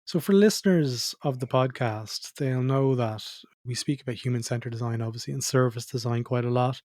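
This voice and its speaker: A man hosting a podcast, asking easygoing, measured questions. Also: mid-range voice, a little mellow, dry recording. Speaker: podcast host. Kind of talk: podcast interviewing.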